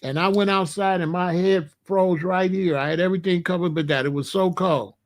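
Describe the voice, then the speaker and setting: Speaking fairly quickly in a high-pitched, steady voice, an American online video host, middle-aged or older, chats informally with viewers and warns them about the weather. He stays colloquial and emphatic, repeating phrases for stress.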